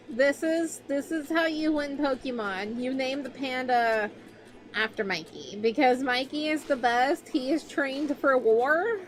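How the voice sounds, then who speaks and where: A young woman with a high, bright-pitched voice chats casually on her VTuber stream. She rambles playfully from one excited tangent to the next, with soft music faintly playing behind her. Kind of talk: casual livestream chat.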